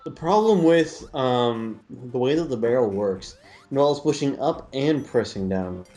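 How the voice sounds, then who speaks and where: A man's voice: mid-range voice, lively intonation, a little slow, darkish tone, soft background music. A man in a casual let's play commentary, ranting and teasing his friends with strong opinions. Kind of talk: casual game commentary chat.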